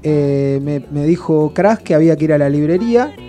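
A man with a Rioplatense Argentine accent telling a comic story on the radio in a rambling, deadpan way with frequent restarts. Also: fairly high pitch, normal speed, soft background music. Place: radio studio.

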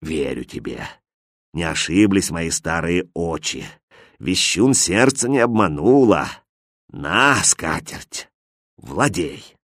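A tiny magical old man from a storybook, grave and slow, his voice dropping low and hushed, as a man puts him on. The recording is dry and close. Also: expressive, no room sound, exaggerated voice. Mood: solemn.

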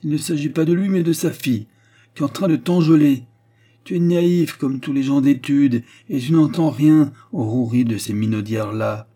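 A man's voice: mid-range voice, expressive, brisk, warm tone, slightly rough, pitched above the performer's own voice. A man doing a furious old professor. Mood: angry. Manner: scolding, sarcastic, fierce. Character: irascible old male professor, woman-hating.

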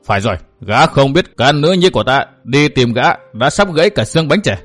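A man voicing a stubborn, boastful old martial-arts master who talks loud and blunt. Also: medium pitch, lively intonation, a little fast, soft background music. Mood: gruff. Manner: loud, gruff and brusque.

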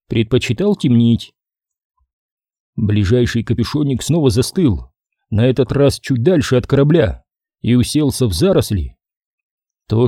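Male audiobook narrator with an animated delivery and a dry studio sound. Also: mid-range voice, no room sound. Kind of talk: scripted narration.

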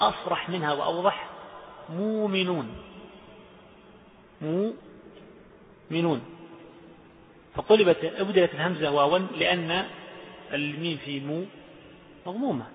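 Male teacher with a slightly high voice. He walks through recitation rules, repeats examples and quizzes the class, recorded in an echoey hall through a tinny line. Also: brisk, long pauses, a little hiss or hum. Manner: repeats examples, chants verses, asks students questions. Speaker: sheikh teaching Quranic recitation. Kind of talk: classroom lesson explaining Quranic recitation rules.

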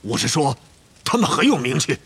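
A man voicing a huge, gruff, hot-tempered half-giant groundskeeper in an audiobook, with a rough voice and booming outbursts. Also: very animated, normal speed, fairly bright tone, heavily acted. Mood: indignant. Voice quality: gravelly, rough. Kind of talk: audiobook character reading.

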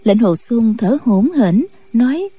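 A woman narrating a martial-arts novel in a steady storytelling voice. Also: a little high, slow pace, husky. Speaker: audiobook narrator.

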